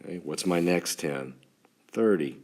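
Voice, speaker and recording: A man's voice: low voice, lively intonation, unhurried, darkish tone. A man from West Texas with a West Texas twang, teaching an informal lesson in a folksy way, as if to a class of children. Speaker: school teacher. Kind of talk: instructional math lesson for students, informal.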